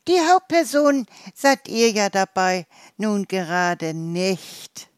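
A woman voicing a tiny, cheeky male flea in a storybook tale, with a high, chirpy, excited delivery. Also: takes it slowly, dry recording, clean studio sound.

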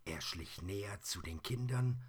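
A man reading a children's storybook aloud in a calm, soft, unhurried manner. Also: on the low side, husky.

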